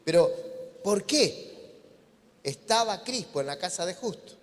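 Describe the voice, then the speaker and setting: A man's voice: sits high, lively intonation, measured pace, in a large hall. A man with an Argentine accent preaching a sermon as pastor, in a conversational, joking manner. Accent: Argentine Spanish. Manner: conversational preaching, acting out imagined dialogue with humor. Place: church sanctuary.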